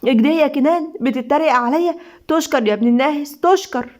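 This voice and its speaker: An anxious young Egyptian wife, raised and quick with worry, as a woman storyteller puts her on. Her voice sits well above the narration. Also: a little high, fairly even intonation, mellow, natural voice. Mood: fretful. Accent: Egyptian Arabic. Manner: anxious, pleading. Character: young wife, fearful then tender.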